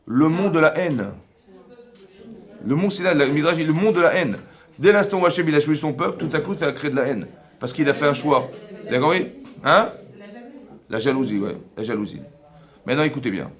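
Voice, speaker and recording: Fast-talking rabbi teaching. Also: male voice, on the high side. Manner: animated, acts out imagined dialogues with the listeners; conversational, asks listeners for assent. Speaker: rabbi teaching a women's class. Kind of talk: lively Torah lesson.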